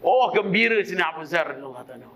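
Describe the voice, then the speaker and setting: A male preacher with a Malaysian Malay accent tells stories animatedly in a mosque sermon and often bursts into loud emphasis to address the congregation. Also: a little high, big pitch swings, quick pace, lo-fi sound. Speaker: religious preacher. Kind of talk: evening mosque sermon with storytelling.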